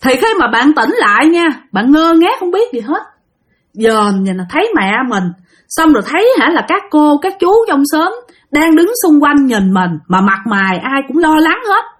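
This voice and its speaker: Lively woman telling a ghost story. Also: high voice, normal speed. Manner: addresses listeners directly, lively and animated. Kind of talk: spoken ghost story retelling.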